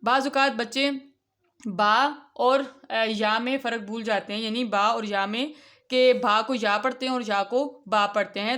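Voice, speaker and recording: Lady teacher going thru a kids quran reading lesson, patient and explaining, higher voice, drags out the letter names. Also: fairly bright tone. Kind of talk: instructional lesson.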